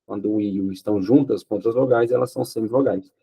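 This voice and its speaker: A man's voice: lowish voice, racing, gravelly, dark tone, husky. A man teaching Portuguese grammar for an exam, explaining step by step, asking questions and answering them himself, often checking with "ok?". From Brazil. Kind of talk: exam-prep grammar lesson.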